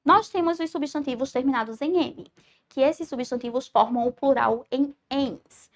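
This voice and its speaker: A woman from Brazil, a teacher giving a recorded online school lesson, explaining patiently and often checking in with "certo?". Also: high-pitched. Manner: stresses syllables slowly when spelling out words.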